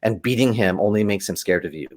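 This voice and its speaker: A man, a podcast guest, telling stories animatedly in conversation and acting out quoted voices with big swings in pitch. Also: fast. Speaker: podcast guest, kung fu teacher.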